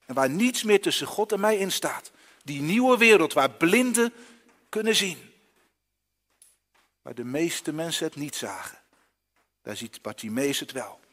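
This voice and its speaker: Man, children's sermon, lively swinging delivery, fairly high voice, direct questions to kids, long church reverb. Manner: asks the listeners questions directly. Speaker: preacher.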